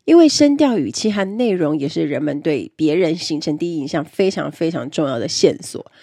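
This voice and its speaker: A woman with a low, slightly husky voice talks through practical speaking tips like a lesson. Her pitch swings widely as she explains point by point, leaning hard on the key words of each list. The sound is close and dry, with no room around her. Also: lively intonation, fairly quick, dark tone, no echo. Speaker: self-improvement presenter. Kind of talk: instructional talk on speaking skills.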